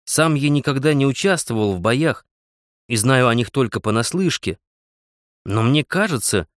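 A man's voice: mid-range voice, expressive, moderate pace, no echo, studio quality, lightly acted. A man voicing an earnest, modest young frontiersman who speaks seriously and politely in an audiobook.

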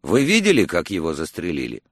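A man voicing a calm, world-weary male morgue attendant who speaks low, quiet and dry. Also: brisk, husky, no echo, heavily acted. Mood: deadpan.

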